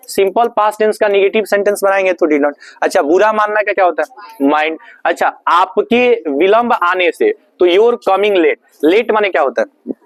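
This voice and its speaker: Male teacher, fairly high voice, dry close sound, quizzes his class. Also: dry recording. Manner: asks the class questions and answers them himself; slows right down to spell out English phrases. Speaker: English teacher. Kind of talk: classroom lesson. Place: classroom with students.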